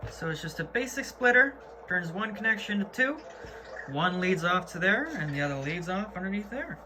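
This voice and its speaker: A man with a high, expressive voice, speaking at normal speed, gives an indoor tour of his gear as a hobbyist presenter. He keeps it informal, slangy and matter-of-fact, unscripted, in a clearly noisy amateur video.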